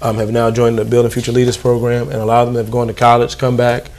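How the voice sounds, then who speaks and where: Man, gravelly, relaxed guest, easygoing interview talk. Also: medium pitch, fast. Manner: relaxed, informal, many fillers. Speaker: youth program staff guest. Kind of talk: casual interview.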